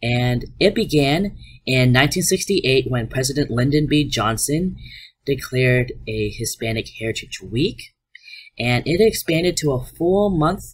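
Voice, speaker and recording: A man's voice: medium pitch, slightly rough. A man teaching an online art class, explaining slides to his students in an upbeat way. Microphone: voice-over on slides.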